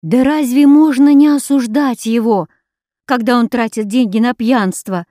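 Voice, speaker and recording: A woman's voice: fairly high pitch, expressive, slow pace, a little mellow, dry recording, clean studio sound, pitched above the performer's own voice. A woman voicing an anguished, defiant young boy in an audiobook, speaking in bitter, pleading outbursts. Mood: outraged.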